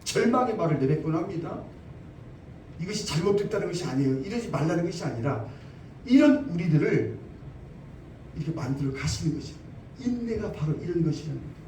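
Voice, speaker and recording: In a church sanctuary, a male pastor preaches emphatically, repeating phrases and asking rhetorical questions. His voice is on the high side, expressive, brisk, and dark, with long pauses. The recording is roomy and distant, with slight background noise.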